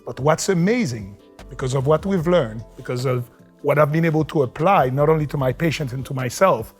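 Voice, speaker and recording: A man in his early fifties, a doctor on a panel, talking in an animated, joking, emphatic way. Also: a little high, a little fast, husky, soft background music. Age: 50s. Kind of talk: casual panel discussion.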